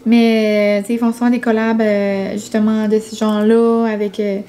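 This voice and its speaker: A woman's voice: mid-range voice, level tone, normal speed, mellow. A young woman with a Québécois French accent chatting casually in a vlog, full of fillers like "genre" and "comme". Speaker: vlogger.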